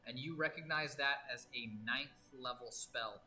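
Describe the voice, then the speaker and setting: A man narrating as game master of a tabletop game, describing scenes with many pauses and restarts. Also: medium pitch, pushed and bright, a little hiss or hum, rough recording. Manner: halting, full of fillers and restarts, descriptive.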